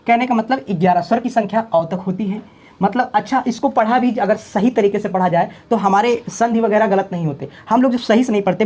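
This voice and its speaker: A man's voice: high-pitched, darkish tone. A male teacher giving an exam-prep lesson, repeating questions, answering them himself and reciting letters aloud one by one.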